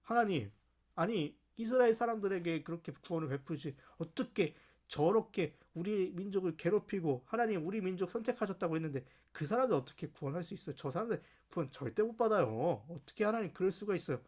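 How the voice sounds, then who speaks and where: A man acting out a grumbling, stubborn prophet of old who argues back with indignant protest in a raised, higher voice. He pleads and complains in an everyday spoken way, as in a lively Bible lesson. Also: fast.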